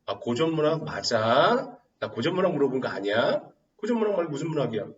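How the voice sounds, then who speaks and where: A man teaching literature in a lively lecture, firing rhetorical questions and teasing his students. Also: a little high, fast talker, roomy sound, distant mic, dull audio. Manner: asks rhetorical questions and answers himself, teasing. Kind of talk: animated classroom lecture.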